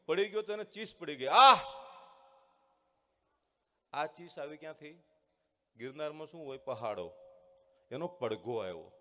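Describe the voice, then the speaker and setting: A man who is a former student giving a motivational speech with a story to schoolchildren, earnest, acting out voices and slowing down for key points. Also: a little high, animated. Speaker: guest speaker, former student addressing schoolchildren. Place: large hall at a school event. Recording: long hall reverb.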